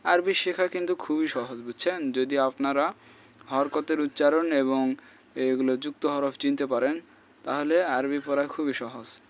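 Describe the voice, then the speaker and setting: A man teaching Arabic reading, slowly chanting letter names and vowel marks as a repeating drill. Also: medium pitch, fairly even intonation. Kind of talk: slow spelled-out recitation lesson.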